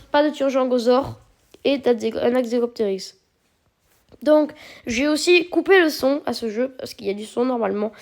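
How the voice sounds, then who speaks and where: A woman walks viewers through a mobile game in a casual, chatty way. Her voice sits a little higher than usual. She explains each step patiently, filling the gaps with small hesitations. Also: darkish tone. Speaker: mobile game video creator. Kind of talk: casual gameplay commentary.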